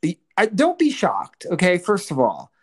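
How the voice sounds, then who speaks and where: A woman co-host with a lively, swooping voice tells stories with plenty of emphasis. She jokes and leans hard into her points. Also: lowish voice, moderate pace, slightly rough. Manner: animated storyteller, emphatic and jokey. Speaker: podcast co-host. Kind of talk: casual chat.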